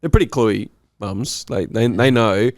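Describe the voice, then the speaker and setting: A man's voice: on the low side, measured pace, dry recording, studio quality. A man chatting casually as a podcast co-host, his voice nasal from a cold, laughing often as he talks. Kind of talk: casual chat.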